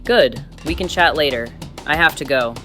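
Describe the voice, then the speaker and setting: Man playing a demanding young friend, bright voice. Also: a little high, normal speed, faint music behind. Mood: pressing. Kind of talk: dramatic film dialogue.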